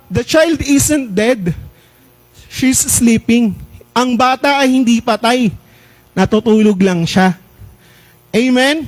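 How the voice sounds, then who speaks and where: A male pastor with a Filipino accent preaching a conversational sermon, often asking "Di ba?" and "Amen?", joking with the congregation, slowing down to read verses and mixing in English. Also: very high-pitched. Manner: slows down when reading verses aloud; jokes with the congregation.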